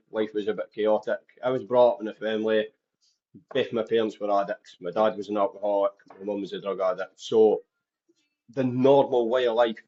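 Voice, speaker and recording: A man's voice: lowish voice, darkish tone, lo-fi sound. A man with a Dundee Scottish accent, speaking openly as a podcast guest who tells his life story. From Scotland. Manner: open, candid storytelling.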